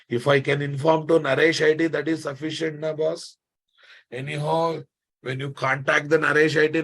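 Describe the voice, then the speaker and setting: A man with a Telugu Indian accent lecturing a class as a software instructor, repeating phrases for emphasis and prodding his students with check questions. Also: a little high.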